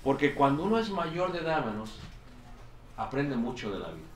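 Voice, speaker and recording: A man's voice: mid-range voice, big pitch swings, fairly quick. A man preaching a sermon, emphatic and repetitive, often calling the congregation "brothers". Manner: emphatic, repeats lines, addresses congregation as brothers.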